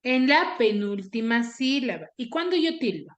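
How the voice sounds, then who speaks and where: A woman teacher with a high voice leads an online class over a computer mic. She steadily quizzes her students, repeating her questions and checking in with them. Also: big pitch swings, a little slow, dull audio. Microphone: computer mic on a video call.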